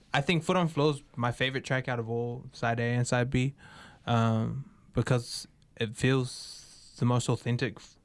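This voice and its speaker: A man's voice: medium pitch, smooth, dry recording. Nz guy chatting casual about his tracks, lots of likes and ums, dead dry recording. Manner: relaxed, laughing asides, many fillers. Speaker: musician introducing his album. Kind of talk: casual chat.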